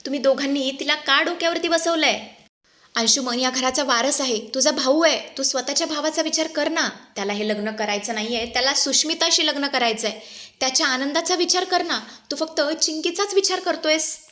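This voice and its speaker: A woman voicing an arrogant young sister who scolds and shouts. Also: high-pitched, brisk, pitched above the performer's own voice. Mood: scolding.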